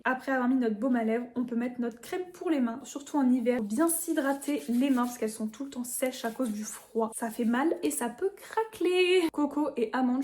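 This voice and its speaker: A woman's voice: on the high side, mellow. A young woman beauty vlogger chatting casually and enthusiastically through a product review. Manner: chatty and enthusiastic, laughs at her own slips.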